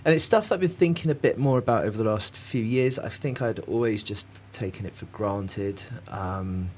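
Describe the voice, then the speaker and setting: Male artist, lowish voice, halting rambling chat. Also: darkish tone, a little hiss or hum. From Cornwall, England. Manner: rambling and hesitant, many fillers, laughs often. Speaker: artist guest. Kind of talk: casual conversation.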